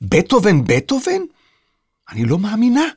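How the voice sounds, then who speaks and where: A man voicing an eager, excited young girl who loves music, in a children's audio story. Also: on the high side, slightly rough, dry recording, studio quality, voice pushed up.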